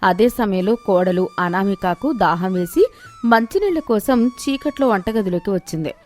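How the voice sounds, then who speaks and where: A woman narrating an animated moral story in a steady, expressive way. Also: medium pitch, moderate pace, faint music behind.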